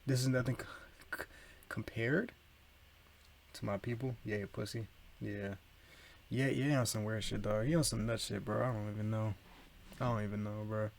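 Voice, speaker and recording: A man's voice: on the low side, fairly even intonation, moderate pace, creaky, long pauses. A man streaming live, reacting to a video in loose, slangy casual chat, repeating himself and talking over it. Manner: talks over the video, slangy, repeats "bro", keeps apologizing for laughing.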